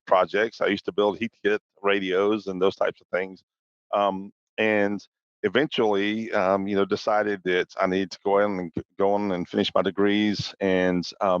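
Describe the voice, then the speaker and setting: Male podcast guest, deep register, halting conversational answers, slightly muffled lo-fi sound. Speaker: podcast guest, cybersecurity executive. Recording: dull, roomy sound.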